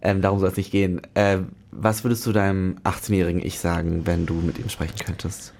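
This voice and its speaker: A man's voice: sits low, level tone, a little fast, gravelly, darkish tone, a little hiss or hum. Enthusiastic teenage male host. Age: 10s. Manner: enthusiastic, laughs often. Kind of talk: casual interview chat.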